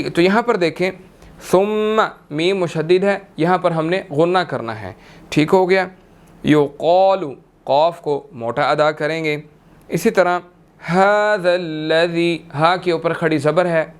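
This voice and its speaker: A man teaching tajweed, chanting verses slowly and melodically and then explaining them briskly. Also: on the high side. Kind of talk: tajweed lesson with chanted recitation.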